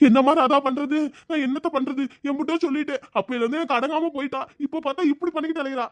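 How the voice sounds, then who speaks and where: Woman doing an anxious, pleading cartoon village mother; high, quick, dry. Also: fairly even intonation, dry recording, lightly acted. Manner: worried, pleading. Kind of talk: cartoon voice acting.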